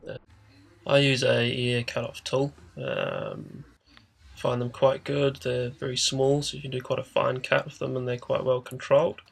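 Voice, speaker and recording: This man's informal how-to voice-over for DIY car repair is hesitant and matter-of-fact, his mid-range voice animated, unhurried and gravelly. He sounds nasal and congested, as if his nose is blocked, and there's noticeable background noise.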